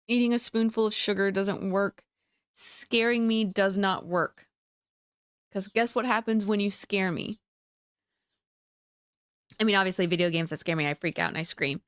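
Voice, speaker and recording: A woman's voice: a little high, smooth, dry recording, studio quality. A young adult woman streamer with the hiccups, chatting casually and a little exasperated to her viewers. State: has the hiccups.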